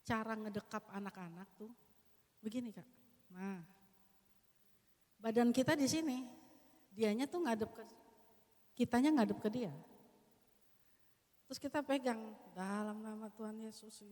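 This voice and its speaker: Woman, church workshop trainer, casual and demonstrative, fairly high voice, long hall reverb. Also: a little slow, long pauses. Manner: lively, demonstrative, acts out prayers and scenes. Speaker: children's ministry trainer.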